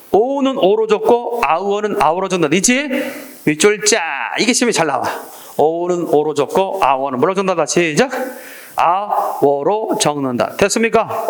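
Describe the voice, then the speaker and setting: A man's voice: sits high, expressive, moderate pace. A man teaching an exam-prep Korean language lecture, drilling students with call-and-response prompts. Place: lecture classroom.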